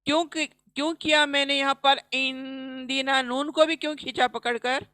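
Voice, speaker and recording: High-voiced woman teaching recitation. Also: fairly even intonation, sharp tone, no room sound. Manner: explains a rule, then recites the example slowly and stretched. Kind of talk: recorded online lesson.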